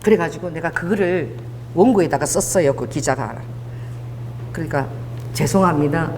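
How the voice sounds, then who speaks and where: A woman pastor preaching a sermon, telling stories in an animated way and laughing as she goes. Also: low-pitched, normal speed, in a large hall, slight background noise.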